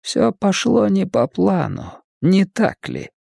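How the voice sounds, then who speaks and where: A man voicing a cold, calculating young male gang leader who speaks slowly and with quiet menace. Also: high-pitched, wildly swooping pitch, vocal fry, slightly rough, dry recording, studio quality, pitched above the performer's own voice, heavily acted. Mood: coolly menacing. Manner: slow, measured, quietly menacing.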